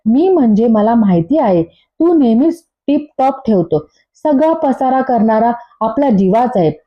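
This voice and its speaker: A woman's voice: fairly high pitch, lively intonation, measured pace. A woman voicing a chatty middle-aged mother who fusses and chatters fondly. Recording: dull lo-fi recording.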